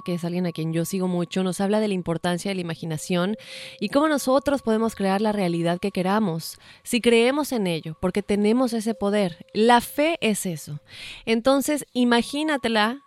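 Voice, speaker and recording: A woman, co-hosting a spiritual talk show and giving earnest advice with repeated phrases. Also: medium pitch. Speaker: podcast co-host. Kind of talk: casual spiritual talk and reading listener emails.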